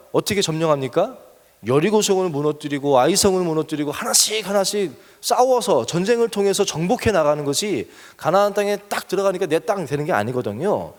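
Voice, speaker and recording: Male pastor, fairly high voice, earnest questioning sermon, long church-hall echo. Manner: earnest, asks the congregation questions, rises in pitch and force when urging.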